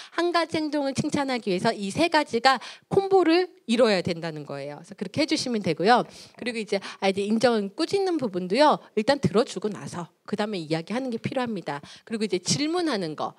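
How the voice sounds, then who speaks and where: Animated woman giving a parenting lecture. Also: on the high side, fast, hardly any pauses. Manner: animated, acts out mothers and children in quoted voices. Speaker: child development lecturer. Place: church hall.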